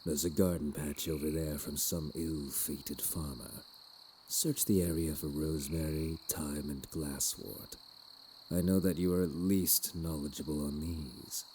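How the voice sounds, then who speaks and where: A man playing a sinister, courteous plague doctor in a fantasy audio role-play, with a low, unhurried voice and archaic, doting yet menacing speech. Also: fairly even intonation, dark tone, slight background noise. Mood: calm, commanding.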